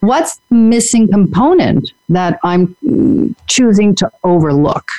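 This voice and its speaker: A woman's voice: mid-range voice, sing-song, measured pace, warm tone, poor audio. A woman hosting a conversational radio talk show as a relationship coach.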